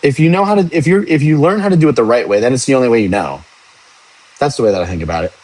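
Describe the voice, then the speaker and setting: A young police officer races animatedly through a casual livestream chat, answering viewers. His voice is mid-range and a little mellow, and he's frank, rambling, and swears occasionally. There's no echo, but the recording is rough.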